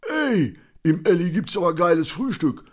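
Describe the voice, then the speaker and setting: Crusty old street brawler, scornful and barking, voiced higher by a male audiobook reader. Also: lively intonation, normal speed. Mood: mocking. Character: grumpy aging homeless man, foul-mouthed brawler.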